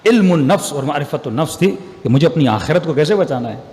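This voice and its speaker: A high-pitched man preaches with emphatic, rhetorical force, weaving stories into his sermon. His voice rings through a reverberant hall with a long tail of echo. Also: expressive, darkish tone. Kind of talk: religious sermon with storytelling.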